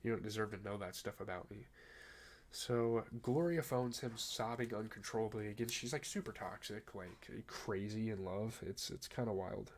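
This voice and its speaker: A man's voice: fairly low pitch, steady tone, normal speed. A young man, a little under the weather, recapping a TV episode in a loose, chatty way with lots of fillers, reading plot summary and then riffing on it. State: a little sick. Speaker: TV show reviewer.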